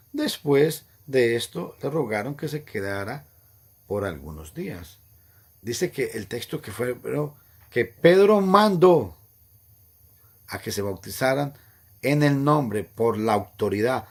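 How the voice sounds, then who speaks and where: Emphatic preacher man with a husky voice. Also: mid-range voice. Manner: emphatic, repeats points, rises sharply on quoted lines. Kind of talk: Bible teaching sermon.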